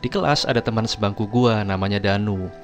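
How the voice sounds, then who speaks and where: Low-voiced man telling a chatty story. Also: a little fast, soft background music. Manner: chatty, keeps addressing his viewers, chuckles often. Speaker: storytelling vlogger. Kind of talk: casual first-person storytelling.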